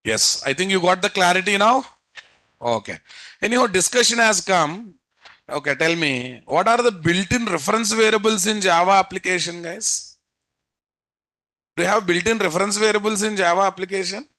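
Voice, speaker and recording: A man's voice: high-pitched, lively intonation, moderate pace, pushed and bright. A man with an Indian Telugu accent giving a live technical lecture, prodding students with repeated questions. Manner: prodding, repetitive rhetorical questions. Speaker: programming instructor.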